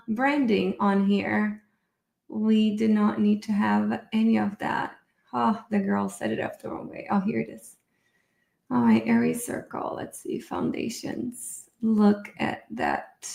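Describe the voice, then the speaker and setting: This middle-aged woman speaks at a medium pitch with a creaky quality, and the recording sounds roomy. Hosting a live webinar on therapy, she keeps things casual and upbeat, thinking out loud as she shares her screen, her Brazilian Portuguese accent coming through.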